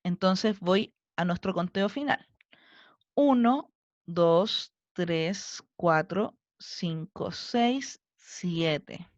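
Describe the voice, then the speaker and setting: Slow, patient woman teaching a class. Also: on the low side, lively intonation, dry recording, highs cut off. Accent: Chilean Spanish. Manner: slow, patient, counting syllables aloud step by step. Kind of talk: recorded online class lesson.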